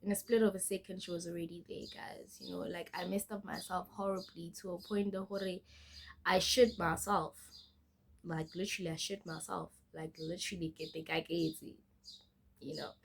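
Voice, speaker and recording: Young woman, slightly low voice, casual storytime vlog, chatty and direct with viewers. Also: fairly even intonation, moderate pace, creaky, slight background noise. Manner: chatty, mixes in local phrases, often addresses the viewers. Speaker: vlogger.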